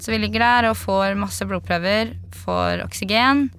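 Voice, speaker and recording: A young woman tells her own eyewitness story in an interview, vividly acting out what people shouted. Her voice sits at a middle pitch for a woman. Faint music plays under her. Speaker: interviewee, partygoer. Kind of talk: personal eyewitness account.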